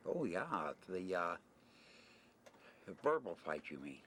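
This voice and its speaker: A retired merchant seaman, an older American, rambles bluntly through a casual interview with some mild swearing. His low voice is sing-song, slow, and a bit bright. It's shot at a desert camp with ambient noise on noisy 1990 amateur videotape.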